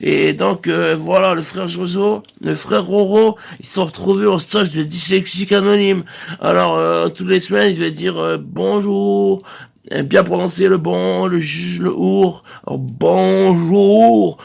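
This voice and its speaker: High, gravelly man telling a rambling comic tale. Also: fairly even intonation, a little slow. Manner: loose and meandering, full of hesitations, breaks into shrill bird-call squeals. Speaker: comedian.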